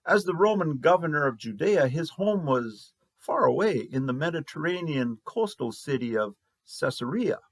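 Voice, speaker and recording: A man preaching a sermon as pastor, slow and measured with long pauses. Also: on the high side, animated, dry recording.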